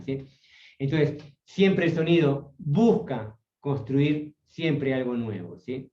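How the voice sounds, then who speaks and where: A man's voice: mid-range voice, warm tone. A man teaching an online workshop, checking in with a questioning "sí?" after nearly every phrase. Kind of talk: spoken workshop lecture. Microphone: video call. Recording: roomy, distant, dull video call audio.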